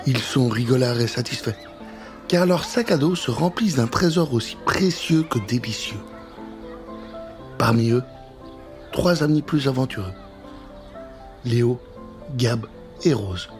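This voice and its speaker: A man with a slightly high voice narrates a children's story, addressing the listener directly in a theatrical, expressive, conspiratorial style. Music plays in the background.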